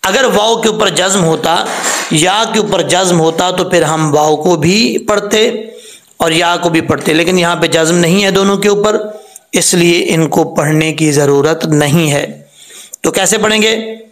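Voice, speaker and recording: A man teaching Quran reading with tajweed, spelling words out letter by letter and chanting the verses between explanations. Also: a little high. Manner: spells out letters slowly, then recites them in a sung tone. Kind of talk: step-by-step tajweed lesson.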